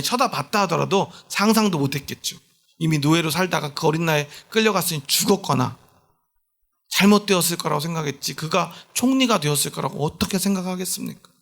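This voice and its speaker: A man's voice: a little high, creaky, a bit bright. A male pastor giving a sermon in a conversational storytelling way, often asking the congregation questions.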